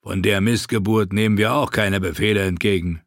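A man voicing a brutish, dim-witted male slave-soldier sergeant who speaks gruffly, slowly and with contempt, in an audiobook. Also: on the low side, steady tone, dry recording, studio quality, natural voice. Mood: contemptuous.

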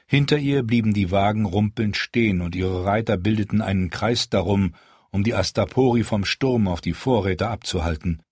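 Husky male audiobook narrator. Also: on the low side, moderate pace, a little mellow, no room sound, studio quality. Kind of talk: scripted narration.

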